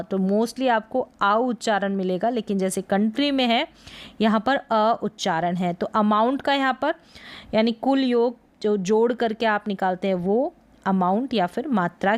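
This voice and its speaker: Woman from India teaching a pronunciation lesson at a very slow, patient pace, breaking each word into syllables. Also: medium pitch. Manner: sounds out words syllable by syllable. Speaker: English teacher.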